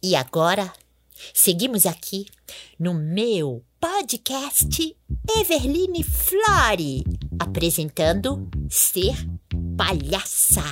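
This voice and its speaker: A woman clown hosting a comedy podcast, her voice leaping all over the scale in playful, bossy bits. She takes her time with each line and jumps into sudden squeals. Soft music sits faintly behind her. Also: mid-range voice, wildly swooping pitch, extremely slow. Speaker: podcast host.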